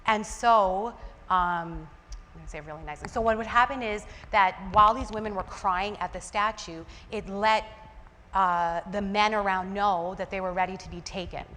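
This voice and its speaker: A woman preaching a sermon in a chatty, animated way, full of fillers and restarts. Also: mid-range voice, normal speed, in a large hall, a little hiss or hum.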